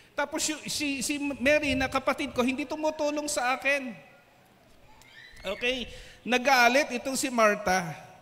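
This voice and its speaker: A male pastor preaching a lively sermon, joking and calling out to the congregation. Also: extremely high pitch, long reverb tail. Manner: animated, joking, prompts the congregation with "hello?". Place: church sanctuary.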